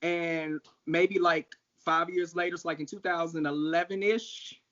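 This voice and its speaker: A man in his thirties from St. Louis, Missouri, a drag performer telling his story in a casual interview, animated and quick to laugh. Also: fairly high pitch. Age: 30s. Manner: animated, laughs often, acts out quoted voices. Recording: dull lo-fi audio.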